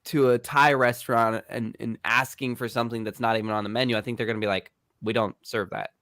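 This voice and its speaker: A man's voice: medium pitch, steady tone, quick pace, fairly bright tone, dry recording, studio quality. A man hosting a casual team meeting, easygoing and upbeat, laughing often.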